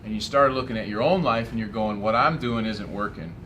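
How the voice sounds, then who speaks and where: Man gently guiding an interview. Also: fairly low pitch, brisk, muffled recording, a little hiss or hum. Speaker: chaplin interviewer. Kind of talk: casual interview questions.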